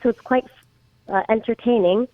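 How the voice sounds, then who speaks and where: A woman's voice: a little high, normal speed, no echo. Woman guest on a tinny phone line. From Czech Republic. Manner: hesitant, many restarts and fillers. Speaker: startup guest. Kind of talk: casual interview answers.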